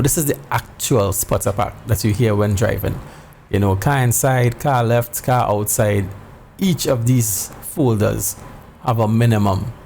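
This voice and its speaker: A middle-aged man hosts a casual how-to video. His voice is mellow with plenty of fry, and he talks informally into a headset mic with music behind him. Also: on the low side. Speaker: sim racing video host. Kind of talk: casual tutorial talk to viewers. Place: indoor home room.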